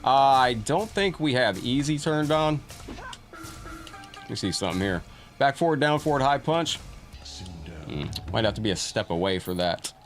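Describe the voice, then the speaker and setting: A man with a medium-pitched, animated voice hosts a live game stream, speaking at a moderate pace with long pauses. He greets viewers by name and comments casually as game music plays, his voice a bit scratchy from a cold.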